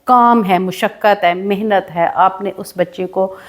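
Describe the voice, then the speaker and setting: A woman, co-hosting a podcast chat in an earnest, advising tone. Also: medium pitch. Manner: earnest, advising tone, mixes English words. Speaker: podcast co-host. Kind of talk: casual chat.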